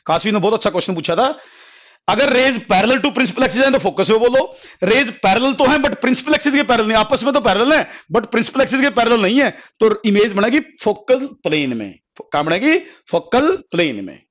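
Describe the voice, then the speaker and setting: A high-pitched man lectures a physics class at the board. He drills each term again and again and spells out notes slowly for his students to copy. The sound is dull and lo-fi. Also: animated, a bit bright. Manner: repeats key terms many times, calls students "beta" and "bhai"; dictates notes slowly word by word. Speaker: physics teacher.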